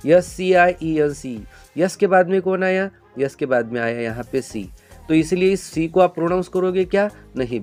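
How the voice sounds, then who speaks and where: A man's voice: a little high, darkish tone. A man teaching English pronunciation in Hindi, answering his own repeated questions and calling viewers "beta". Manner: drills with repeated call-and-response questions; addresses viewers as children. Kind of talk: classroom-style pronunciation lesson.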